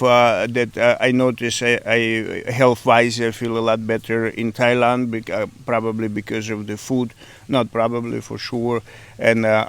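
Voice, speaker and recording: A man's voice: mid-range voice, clean tone, no echo. A middle-aged man with a Ukrainian accent, answering interview questions in a casual, hesitant way with many fillers and broken grammar. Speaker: interviewee, café owner.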